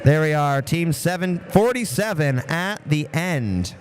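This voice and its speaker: A man giving lively live commentary at a model car race for a stream, chatty and reading out viewer comments. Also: fairly high pitch, measured pace, faint music behind. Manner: chatty, energetic, reads out viewer chat.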